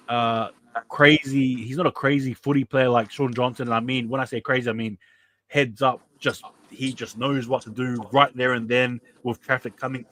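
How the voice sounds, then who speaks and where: A man's voice: medium pitch, low-quality recording. A man from New Zealand hosting a casual rugby league preview, chatty and given to repeating himself and restarting. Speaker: podcast host.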